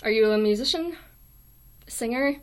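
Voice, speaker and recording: A woman's voice: on the high side, moderate pace, smooth. Weak, thin-voiced young woman chatting on livestream. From United States. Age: young adult. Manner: apologetic, hesitant. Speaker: live stream host. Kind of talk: casual livestream chat. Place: small dorm room.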